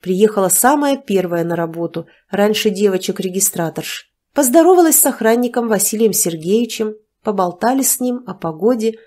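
A woman reads a novel aloud in the first person. Her delivery stays even and measured, in a plain storytelling manner. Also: mid-range voice. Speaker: audiobook narrator. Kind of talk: first-person audiobook narration.

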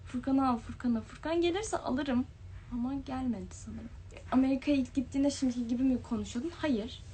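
A young woman talks casually into a webcam, reading out viewer comments and replying to each one. Her voice sits a little high, and a faint hum of room noise runs under the stream. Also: fairly quick, mellow. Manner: chatty, reads comments aloud then answers them. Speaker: livestream host. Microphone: phone or webcam livestream.

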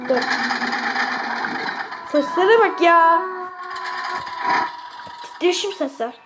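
Very high-voiced panicky woman gamer. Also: animated, very slow, heavy background noise. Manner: panicky, screams and pleads at the monster. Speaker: gameplay streamer. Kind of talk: horror game let's-play commentary. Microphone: mic held to her ear.

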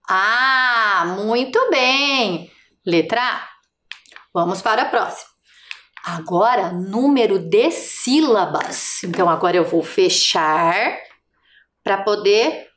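Brazilian lady teacher on tv, slow and patient with little kids, voice bouncing all over. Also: mid-range voice, echoey room. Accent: Brazilian Portuguese. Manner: slow, patient, sing-song prompting of young children. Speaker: primary school teacher. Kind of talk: televised first-grade lesson.

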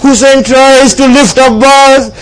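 Acting as a preacher, a man with a strikingly high voice tells a mournful devotional story as a religious lament. His slow, solemn delivery is smooth and steady in tone, yet impassioned, plaintive and dramatic. The audio is poor.

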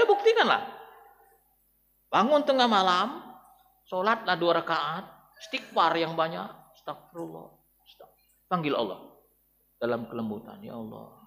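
Fervent high-voiced Indonesian preacher in a mosque. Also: male voice, long reverb tail. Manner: emotive, swings from loud to hushed, addresses congregation directly. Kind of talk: dawn mosque sermon. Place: large mosque.

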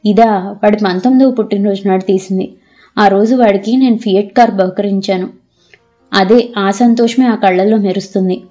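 A woman's voice: medium pitch, fairly even intonation, normal speed, mellow, lo-fi sound, soft background music, lightly acted. A woman narrator voicing a grieving elderly father with a trembling, tearful voice. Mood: fond. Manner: sorrowful and weary.

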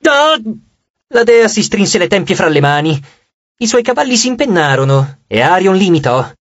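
High-voiced man narrating an audiobook. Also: no room sound, dull audio. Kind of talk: scripted narration.

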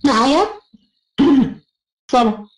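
A woman's voice: sits high, sing-song, very slow, roomy sound, rough recording. A woman with an Egyptian Arabic accent giving an encouraging online self-help lecture, praising her students as she goes.

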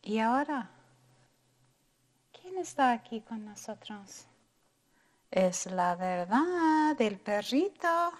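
A woman teacher with a high voice reads a storybook aloud to young children. She speaks slowly and expressively, and stops often to ask the children questions. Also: animated.

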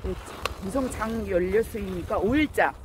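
A woman's voice: medium pitch, normal speed, slight background noise. A woman chatting casually to the camera through a face mask at an outdoor market. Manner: chatty, talking to herself and the camera. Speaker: vlogger. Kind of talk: casual vlog commentary while out skating and shopping.

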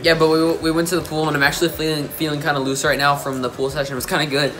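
Holding his phone or camera out at arm's length, this teen vlogger from the United States, who also plays youth soccer, rattles off casual commentary. His voice is a bit high, flat, pushed, and bright, captured indoors at home, in a hotel room, or at a busy venue.

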